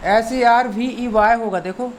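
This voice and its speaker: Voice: mid-range voice, steady tone, measured pace, slight background noise. A teacher giving a language lesson who spells each word out letter by letter, then repeats it and gives its meaning, checking in often. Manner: patient and repetitive, often checks in with "theek hai". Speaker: English teacher. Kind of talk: language lesson explained in Hindi.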